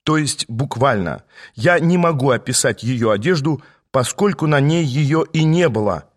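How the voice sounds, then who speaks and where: A man narrating an audiobook in the first person, with a dry, measured storytelling delivery. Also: mid-range voice, lively intonation. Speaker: audiobook reader.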